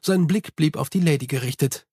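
A man narrating an audiobook in a steady, measured storytelling manner. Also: a little high, husky, no echo, clean studio sound. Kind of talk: scripted narration.

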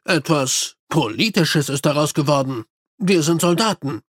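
A man's voice: fairly high pitch, animated, measured pace, a bit bright, no echo, studio quality. A man voicing a weary, exasperated army major.

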